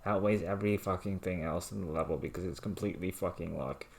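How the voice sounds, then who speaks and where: Gravelly and fast, this man's low voice works through written rants with flat, monotone deadpan, sounding like he's just reading text off the page.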